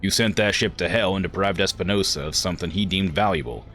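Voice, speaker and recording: A man voicing a stern, vengeful lord in a video game, formal and measured in speech. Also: sits low, a bit bright. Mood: scornful. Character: stern, vengeful nobleman, grave and courtly. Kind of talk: reading game dialogue aloud.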